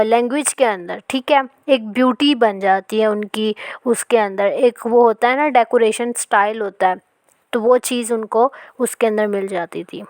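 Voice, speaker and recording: Woman literature teacher, higher voice, smooth clear tone, dry close sound. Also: a little mellow, no echo. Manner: reads English passages slowly, then explains them, with frequent "ठीक है". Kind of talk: explaining a lecture in Hindi with English terms.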